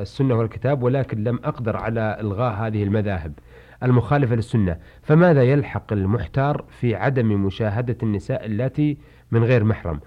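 A man hosting a radio programme, formally reading listeners' letters in a measured, classical manner. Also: fairly low pitch. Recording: dull lo-fi old radio recording.

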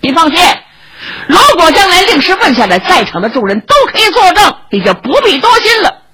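A woman voicing a hearty old male hero who talks briskly, bantering and commanding. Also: extremely high pitch, very animated, sharp tone, a little hiss or hum, voice pushed up, heavily acted. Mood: reassuring.

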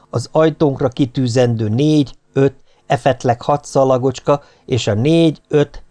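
A man narrating an audiobook in a steady, mid-pitched voice. His reading has a dry, wry irony and an unhurried, storyteller's pacing. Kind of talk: scripted narration.

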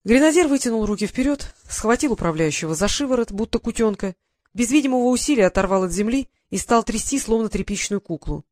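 A man's voice: high voice, lively intonation, fast, a little mellow, no echo. Man narrating a story in a dry room. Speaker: audiobook narrator. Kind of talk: first-person scripted narration.

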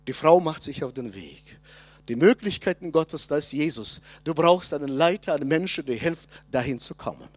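A man, preaching a conference sermon and addressing the congregation directly, moving between loud emphasis and quiet asides. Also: on the high side, expressive, moderate pace, no echo. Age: 60s.

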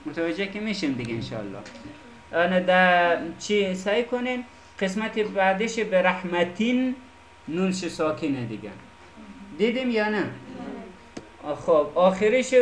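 A man's voice: high-pitched, fairly bright tone, slight background noise. A man teaching an Arabic reading lesson, patiently checking that students follow. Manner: patient, checks understanding with repeated questions. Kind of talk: classroom Quran reading lesson. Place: classroom. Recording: echoey classroom.

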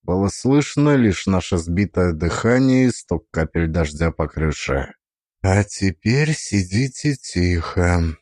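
A man's voice: fairly low pitch, mellow, dry recording, studio quality. Man narrating a suspenseful audiobook.

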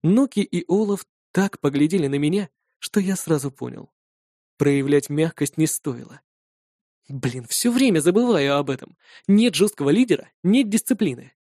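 A man narrates a fantasy tale in the first person, with an even storytelling delivery. His voice is dark and mellow, a little raised in pitch. The recording is dry. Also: moderate pace, no room sound. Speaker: audiobook narrator.

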